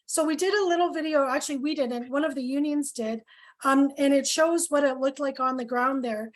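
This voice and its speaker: A woman organizer presenting at a town hall over a video call, earnest with many pauses and fillers, losing her voice. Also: high voice. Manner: earnest, lots of ums and questions. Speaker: health coalition organizer.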